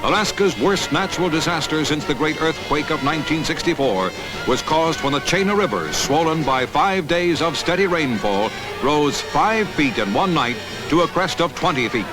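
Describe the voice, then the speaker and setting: A male announcer delivers old-style 1960s newsreel narration with emphatic, dramatic weight. His voice sits somewhat high for a man. A loud music score plays under every line. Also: lively intonation, normal speed, poor audio.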